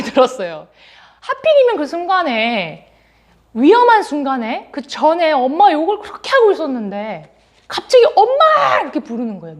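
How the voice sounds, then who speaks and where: A young woman preaches to a children's congregation in a storytelling voice. Her voice sits high and swings widely, rising and falling as she acts out what each person said. She laughs easily as she goes. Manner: animated, acts out quotes, laughs while telling.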